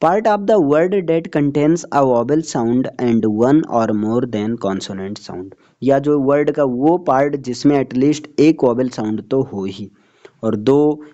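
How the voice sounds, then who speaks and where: A man's voice: fairly high pitch, warm tone. A man teaching a phonetics lesson, reading English lines and explaining them in Hindi, often checking whether students follow. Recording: dull lo-fi sound.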